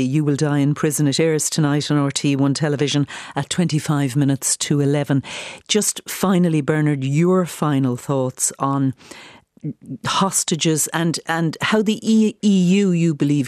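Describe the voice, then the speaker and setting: A man's voice: a little high, normal speed, darkish tone, dry recording, studio quality. An Irish man presenting on radio, reading introductions and putting questions to a guest. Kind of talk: scripted introduction and interview questions.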